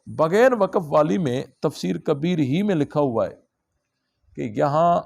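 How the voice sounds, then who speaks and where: Gravelly-voiced male religious teacher. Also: on the high side, lively intonation, a little mellow. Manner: explains step by step, asks students questions. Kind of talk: classroom lesson on scripture.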